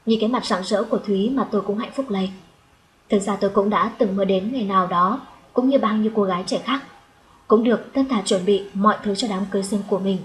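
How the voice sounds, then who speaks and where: Woman reading an audiobook story, calm and reflective, mid pitch. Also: quick pace, poor audio. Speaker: audiobook narrator. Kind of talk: first-person story narration.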